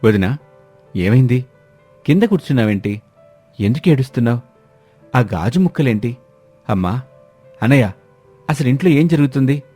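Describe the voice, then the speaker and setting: A man's voice: medium pitch, animated, moderate pace, long pauses, dark tone, husky, faint music behind. A male narrator voicing an earnest, concerned young man who keeps asking what happened. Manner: earnest, questioning.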